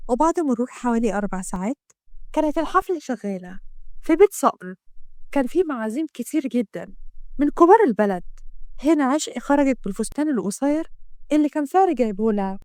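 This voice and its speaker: A woman with an Egyptian accent narrating a dramatic story in a brisk way. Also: sits high, expressive, no room sound, clean studio sound.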